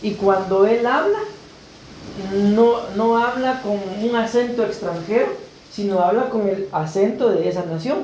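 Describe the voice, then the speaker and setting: This man's voice is high-pitched with a darkish tone and a measured pace as he preaches a sermon as pastor in a church hall. Conversational in manner, he keeps asking "¿verdad?" to check in with listeners, and the echoey room carries faint background noise.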